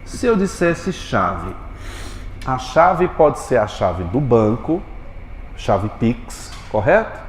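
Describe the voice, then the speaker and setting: A man with a Brazilian Portuguese accent teaching a classroom lecture and quizzing his students with quick questions. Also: medium pitch, sing-song. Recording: echoey classroom with long reverb, faint noise.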